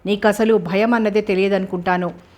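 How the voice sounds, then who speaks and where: A woman's voice: medium pitch, fairly even intonation, moderate pace, darkish tone, lightly acted. A woman narrator voicing a shy, timid young woman raised in a village who speaks hesitantly and anxiously.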